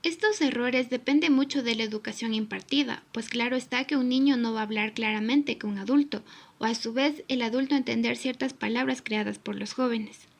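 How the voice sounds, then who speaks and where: A young woman with a high voice narrates a recorded class tutorial. She reads from a prepared script at an even, careful pace, laying out definitions and examples one after another. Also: a little fast, creaky. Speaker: student presenter. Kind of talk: read-aloud tutorial narration.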